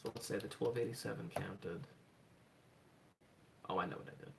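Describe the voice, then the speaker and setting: Excitable low-voiced man thinking aloud. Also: moderate pace, creaky, noisy background. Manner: excitable, thinks aloud, repeats "hold on" and "oh my gosh". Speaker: livestreaming speedcuber. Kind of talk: casual livestream self-talk. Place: at home.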